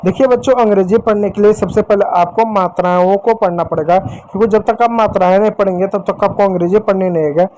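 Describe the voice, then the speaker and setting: A man's voice: sits high, fast, few pauses, a little mellow, rough recording. A male teacher giving a beginner's lesson, patiently addressing viewers as dear children and sounding out words one by one. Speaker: English teacher.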